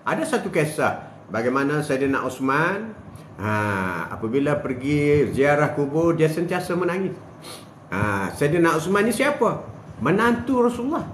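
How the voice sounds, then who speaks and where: An older man giving a casual religious talk, animated and full of rhetorical questions, joking with people in the room. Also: a little high, slight background noise. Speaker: religious speaker. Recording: roomy echo with faint ambience.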